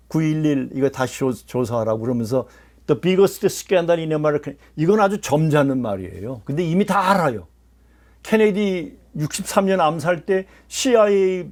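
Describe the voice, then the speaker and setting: A man's voice: on the high side, a little mellow. A man giving a political lecture, speaking emphatically, putting questions to his listeners and mixing in English phrases. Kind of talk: political lecture to a small audience.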